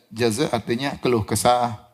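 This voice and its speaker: A man preaching a sermon. He recites Arabic verses, explains them, and asks his listeners questions that he answers himself. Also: moderate pace. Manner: animated, with sudden rises in pitch and loudness on key words.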